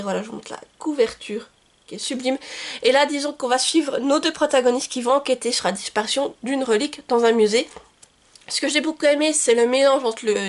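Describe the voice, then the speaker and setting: A woman from France talking through her reading challenge in a casual book vlog, chatty with frequent fillers and restarts. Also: high voice. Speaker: book vlogger.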